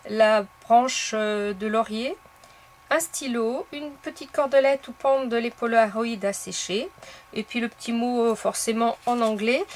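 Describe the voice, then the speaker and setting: A woman hosting a casual crafting tutorial, explaining each step in a chatty way with soft fillers. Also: fairly high pitch, slight background noise. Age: adult. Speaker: craft video host.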